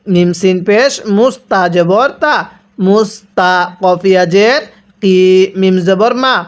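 Slow, clear-voiced recitation teacher. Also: mid-range voice. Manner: spells out letters and vowel marks one by one, then has listeners repeat; patient, drawn-out drilling of each word. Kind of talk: step-by-step recitation lesson.

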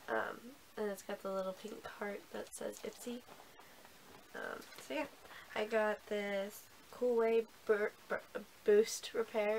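A woman who is sick and hoarse, chatting casually about beauty products with lots of ums and restarts. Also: mid-range voice, slight background noise. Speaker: beauty vlogger. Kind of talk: casual haul review.

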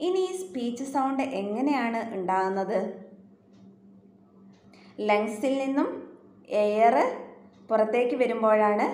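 Slow, deliberate woman teacher with a Malayalam accent. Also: fairly high pitch. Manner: slow, deliberate reading of English definitions between Malayalam explanation. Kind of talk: recorded lecture. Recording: echoey room, faint background hiss.

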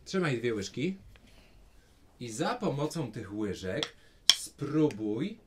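A man's voice: medium pitch, big pitch swings, takes it slowly, very noisy. A man teaching a child a rhythm in a music lesson, patient and encouraging, explaining each step.

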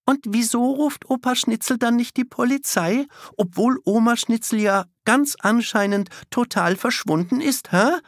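A man voicing a bold young girl in an audiobook, quick to accuse. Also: very high voice, lively intonation, a bit bright, dry recording, pitched above the performer's own voice, heavily acted. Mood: reproachful.

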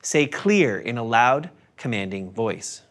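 A man narrating a scripted first-aid lesson in a calm, step-by-step instructive manner. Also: mid-range voice, normal speed.

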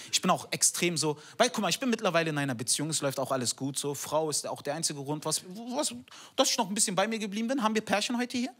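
A man's voice: on the high side, fairly bright tone. A male stand-up comedian, teasing the audience in brash, slangy crowd work. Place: stage in front of a live audience. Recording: live club audience laughter and noise.

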